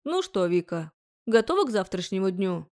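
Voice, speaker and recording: A woman's voice: medium pitch, very animated, moderate pace, a little mellow. A woman reading an audiobook, voicing a stern middle-aged male university rector who talks formally and grumbles at his son. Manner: formal, condescending, gruff toward his son. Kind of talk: audiobook character voice.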